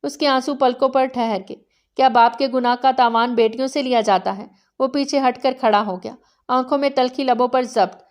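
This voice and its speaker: A woman narrating a romance novel in a steady, dramatic reading style. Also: high voice.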